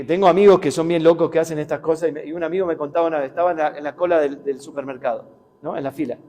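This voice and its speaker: A man's voice: fairly high pitch, mellow. A man preaching a sermon with a Rioplatense accent, talking conversationally with rhetorical questions and anecdotes. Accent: Rioplatense Spanish. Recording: long hall reverb.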